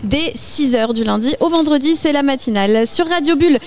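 A local radio host with a high-sitting, lively voice chats with guests at an association fair in a community hall during a live radio interview. She talks a little fast, friendly and chatty, with lots of fillers.

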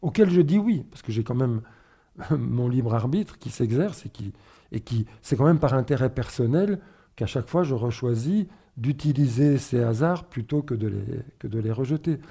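A middle-aged man from northern Spain, a guest in an interview, speaking reflectively and haltingly with fillers and restarts. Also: medium pitch, lively intonation, dark tone, husky. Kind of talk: personal testimony interview.

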